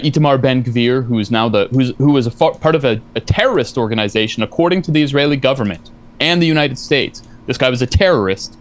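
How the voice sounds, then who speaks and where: A man in a heated debate, talking insistently in a lecturing way and cutting in with repeated no's. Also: mid-range voice. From family from Eastern Europe. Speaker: debate guest.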